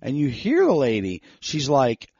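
Man, podcast co-host, animated storyteller, slightly dull dry recording. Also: medium pitch, husky, no room sound. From North Carolina. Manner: animated storytelling, quick bursts when heated. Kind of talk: casual chat.

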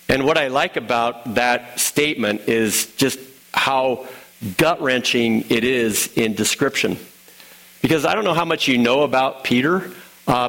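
Man, middle-aged pastor, gravelly, relaxed conversational sermon delivery with restarts. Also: medium pitch, rough recording. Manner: conversational storytelling with fillers and restarts.

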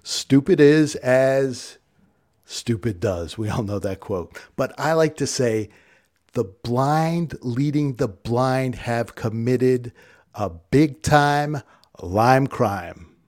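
A man's voice: mid-range voice, expressive, slow pace, a little mellow. A man hosting a podcast, talking solo in a fired-up, preachy way that rallies listeners to say lines back with him. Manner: preachy call-and-response rallying. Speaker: podcast host.

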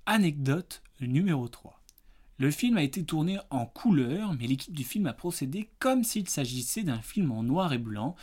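A man's voice: fairly high pitch, big pitch swings, normal speed, few pauses, darkish tone, breathy edge. Guy hosting a film podcast, chatty, lots of umms, teasing quiz vibe. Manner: chatty, many hesitations and fillers; playful quiz-master teasing. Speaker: podcast host. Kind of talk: casual film review podcast.

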